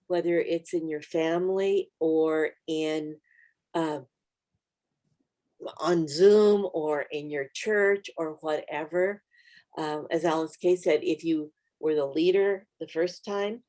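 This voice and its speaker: A woman hosts a small-group Bible study video, speaking conversationally as if advising group members. She comes across as reflective and encouraging. Her voice is slightly low-pitched and mellow.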